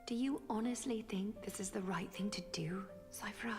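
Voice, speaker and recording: A woman's voice: mid-range voice, moderate pace, long reverb tail, music in the background, natural voice. A woman playing a wise, composed, solemn seamstress mentor in a video game. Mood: solemn, reassuring. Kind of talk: dramatic video game voice acting.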